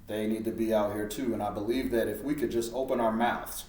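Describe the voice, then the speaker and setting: Man talking real earnest and reflective, lowish voice, sounds far off in a roomy space. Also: fairly even intonation, a little fast. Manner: earnest, reflective, laughs softly. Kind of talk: casual heartfelt conversation. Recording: roomy sound from a distant mic.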